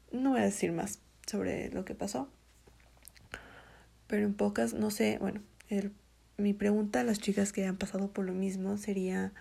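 A woman in her twenties telling a personal story in a soft, hesitant way, often dropping to a half-whisper. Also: mid-range voice, vocal fry, breathy edge. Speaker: vlogger.

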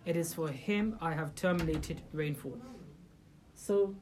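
This religious talk leader's voice is medium-pitched and a little mellow, with a measured pace. In an informal talk to a small roomful of people, they ask rhetorical questions and keep restarting sentences.

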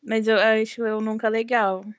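A woman's voice: a little high, moderate pace, clear, resonant tone, dry recording. A young woman co-hosting a podcast, chatting casually with lots of exclamations. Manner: exclamatory, animated. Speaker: podcast co-host. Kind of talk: casual chat.

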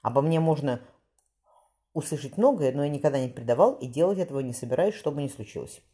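Woman doing a calm stubborn man, 50s, warm dark voice. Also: very deep voice, fast talker. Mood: earnest. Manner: calm, firm. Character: fifty-two-year-old former soldier, stubborn and earnest.

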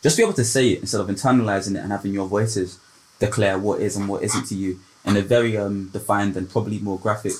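A man's voice: lowish voice, steady tone, fast, a little hiss or hum, low-quality recording. A man with a London roadman accent in casual, reflective conversation, speaking earnestly in long, winding explanations full of street slang. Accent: London, urban multicultural street slang.

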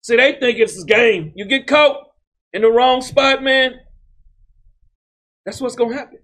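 A man with a high voice preaches a street-style sermon. He talks loosely and forcefully, repeats words as he builds each point, and keeps tagging "man" onto his lines. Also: unhurried.

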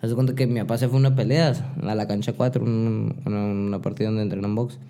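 A man's voice: lowish voice, little pitch movement, fast, warm tone, slight background noise. A young man with a Mexican accent, a boxer telling his story in a casual interview, rambling with restarts and fillers. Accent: Mexican Spanish. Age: young adult. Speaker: boxer guest.

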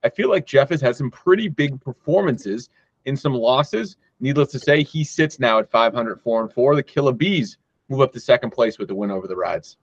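A man's voice: medium pitch, animated, moderate pace, no echo. A man hosting a casual chat among friends, running the segments and handing off questions to the others. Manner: hands off questions, runs the segments. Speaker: podcast host. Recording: dull lo-fi sound.

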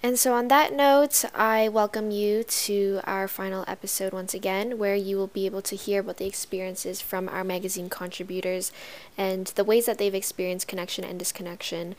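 A woman's voice: mid-range voice, little pitch movement, normal speed. A young woman from Canada hosting a student podcast, speaking earnestly with frequent ums. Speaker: podcast host. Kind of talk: scripted podcast introduction.

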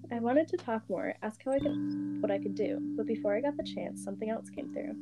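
A woman reads a first-person horror story aloud in an even, steady voice. She pauses now and then to chat with a friend. Soft guitar music plays behind her. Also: fairly high pitch. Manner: reads steadily, with fillers and laughs between passages. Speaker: story reader.

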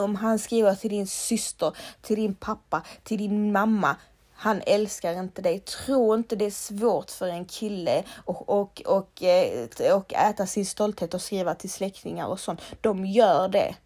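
Blunt, swearing young woman with a gravelly edge. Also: mid-range voice, darkish tone. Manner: blunt, emphatic, swears freely, repeats for emphasis. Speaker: advice-giver. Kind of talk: heartfelt direct-to-camera advice.

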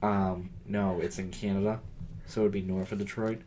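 A man's voice: deep voice, little pitch movement, normal speed, mellow, slight background noise, rough recording. A man from New England, co-hosting a casual chat and rambling through sports trivia with jokes and the odd swear. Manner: rambling, jokey, swears, trails off into mumbles. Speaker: podcast co-host.

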